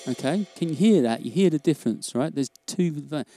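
A man teaching jazz drumming in a casual, relaxed way, often checking in with "okay?". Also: fairly high pitch, normal speed, soft background music. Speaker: drum teacher. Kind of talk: casual instructional demo.

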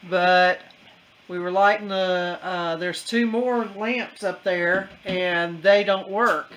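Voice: mid-range voice, steady tone, slow pace, a bit bright, a little hiss or hum, poor audio. Easygoing vlogger narrating farm chores. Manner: easygoing, explains step by step with fillers. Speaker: camera operator and co-narrator. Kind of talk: casual vlog narration.

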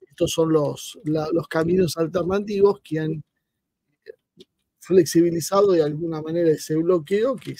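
A man's voice: fairly high pitch, creaky, a little mellow, husky, dry recording. A man with an Argentine accent giving hesitant, filler-heavy political analysis on a live stream over a remote line. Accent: Argentine Spanish.

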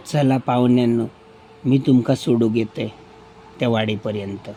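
In this spoken horror tale, a gentle old forest guardian spirit, put on by a male narrator, talks in a calm, cryptic, reassuring way. He has a Malvani accent and a mellow, dark tone. His pitch sits in an ordinary middle range. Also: unhurried, slight background noise, close to an everyday voice. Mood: coaxing.

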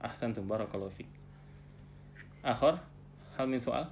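A man teaching an Arabic class online, patiently explaining terms and often ending phrases with a soft tag. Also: mid-range voice, normal speed, creaky, slight background noise. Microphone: video call.

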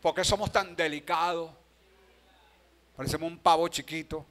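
Venezuelan pastor preaching in church, high bright voice, goes from hushed stories to shouting out to the crowd. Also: male voice, steady tone, normal speed. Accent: Venezuelan Spanish. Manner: swings from quiet storytelling to loud shouted exhortation. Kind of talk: sermon. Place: church sanctuary.

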